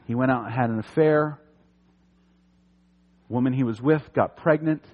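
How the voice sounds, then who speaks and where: A man preaching a sermon in an animated, conversational way, with jokey asides. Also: medium pitch, unhurried, phone-quality sound. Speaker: pastor.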